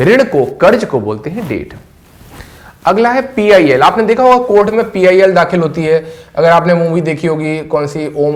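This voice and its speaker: Chatty man drilling vocabulary. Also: on the high side. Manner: repeats each word and asks the listener back. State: recently unwell. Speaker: English vocabulary teacher. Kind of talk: casual spoken lesson.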